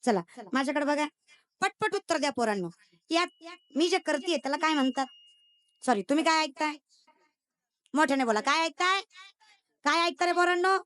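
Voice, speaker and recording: A woman's voice: high-pitched, animated, normal speed, long pauses, a bit bright. A young woman giving a comic devotional sermon. She teases the crowd, fires quiz questions at them and slips in English phrases. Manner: teasing, quizzes the audience and mixes in English phrases. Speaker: kirtan preacher. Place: stage at a devotional gathering.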